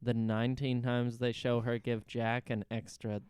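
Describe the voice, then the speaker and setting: A man's voice: mid-range voice, flat delivery, moderate pace, darkish tone, smooth, no echo, clean studio sound. A man co-hosting a podcast, casually recapping a TV episode with wry quips and mock disbelief. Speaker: podcast co-host.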